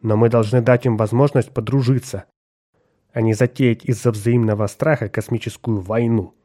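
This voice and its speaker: A man reading an audiobook, voicing a stern human starship captain who speaks loudly and forcefully. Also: medium pitch, steady tone, moderate pace, dry recording, clean studio sound, lightly acted. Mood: insistent. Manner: forceful, commanding.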